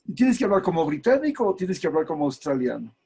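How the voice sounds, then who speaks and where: A man's voice: a little high, big pitch swings, a little mellow, breathy edge, rough recording. A man from Ecuador hosting a video call interview, asking questions in an incredulous way. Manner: incredulous, asks rapid questions with repeats. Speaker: host.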